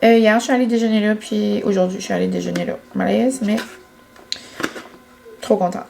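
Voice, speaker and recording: A woman's voice: medium pitch, fairly even intonation, a little fast, vocal fry, music in the background. A young woman chatting casually to her vlog audience, with many fillers and English words. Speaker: vlogger. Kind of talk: casual vlog chat to camera.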